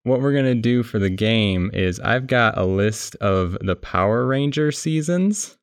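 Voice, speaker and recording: A man's voice: lowish voice, lively intonation, measured pace, smooth, no echo, studio quality. A man hosting a podcast in casual chat, recording under a blanket and often laughing as he rambles. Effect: muffled by a blanket over the mic. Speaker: podcast host.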